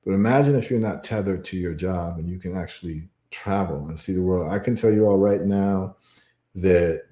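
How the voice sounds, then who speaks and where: Emphatic low-voiced man in echoey room. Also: moderate pace, warm tone. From Ghana. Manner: emphatic, repetitive, storytelling. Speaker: podcast guest. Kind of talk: casual talk-show monologue.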